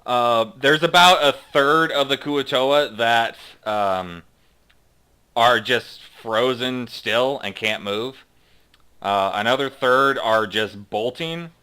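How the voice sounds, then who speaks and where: A man narrating as game master of a tabletop role-playing game, reading out scenes slowly and dramatically and chatting casually with his players between them. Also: mid-range voice, pushed and bright, clear, resonant tone. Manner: slow dramatic read-aloud narration, then halting casual asides.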